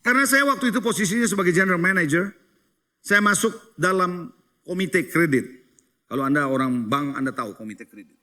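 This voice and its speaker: A man's voice: high voice, expressive, brisk, pushed and bright. A middle-aged male pastor preaching a sermon. He tells stories, asks the congregation questions and mixes English phrases into his preaching. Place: church hall.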